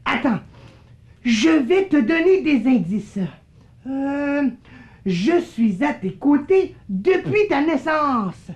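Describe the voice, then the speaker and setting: Brief: mischievous talking shadow, voiced by a woman, high, lively, smug tone for a kids' puppet show. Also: slow, full character voice. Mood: teasing. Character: sly, mischievous living shadow, male.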